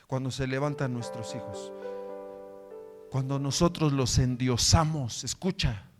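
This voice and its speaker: Over music, a male pastor preaches at a measured pace, posing fervent rhetorical questions and swinging between loud, emphatic statements and soft, low ones.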